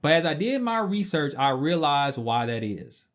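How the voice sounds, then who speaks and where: A man's voice: on the high side, normal speed. Blunt young man reviewing a game. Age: 20s. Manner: blunt, emphatic, animated asides. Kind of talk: casual opinionated game review.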